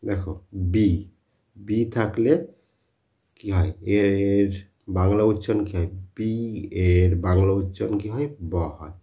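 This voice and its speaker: A man with a low voice teaches a spoken lesson, putting questions to his students and answering them himself. He repeats each point patiently. The recording sounds dull and lo-fi. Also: fairly even intonation, measured pace, pauses often, warm tone. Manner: repetitive, asks and answers own questions. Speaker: English teacher.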